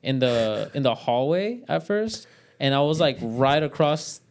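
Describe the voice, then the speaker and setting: Young guy, podcast storyteller, loose and profane, clear smooth tone. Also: medium pitch, big pitch swings, a little slow. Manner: rambling, swears a lot, many "like" fillers. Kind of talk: casual storytelling chat.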